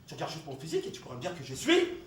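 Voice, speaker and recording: A man's voice: on the high side, huge pitch swings, rapid-fire, noisy background. A man in a comedy sketch dialogue, talking in an insistent, explaining way and laughing easily. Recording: echoey room, distant mic.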